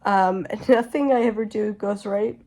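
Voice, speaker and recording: A young woman who's sick with a sore throat rambles and vents in a casual vlog at home indoors, filling her speech with "like." Her voice is mid-range and mellow, at a normal speed.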